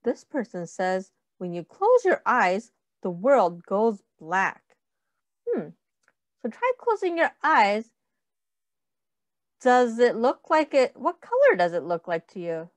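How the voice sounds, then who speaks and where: Using simple, deliberate phrasing, a middle-aged woman reads a picture book to young children and asks them questions along the way. Her pitch is fairly high with huge swings, and there is no echo.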